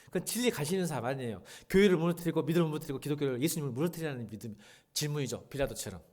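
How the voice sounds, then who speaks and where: A middle-aged male pastor preaching a sermon in a church sanctuary. His fairly high voice swings widely in pitch, dropping to a hush and then surging into fervent, loud exclamations. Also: lively intonation, racing.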